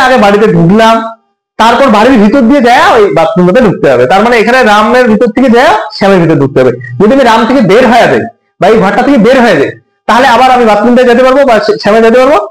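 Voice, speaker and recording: A man's voice: very high voice, expressive, quick pace, roomy sound, low-quality recording. A man teaching a computer lesson in casual, colloquial speech, often putting questions to his students. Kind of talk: classroom lesson with everyday examples.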